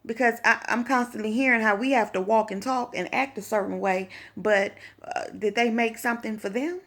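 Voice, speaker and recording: A woman's voice: a little high, normal speed, fairly bright tone. A young woman in a sassy, conversational opinion vlog, speaking. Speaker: vlogger.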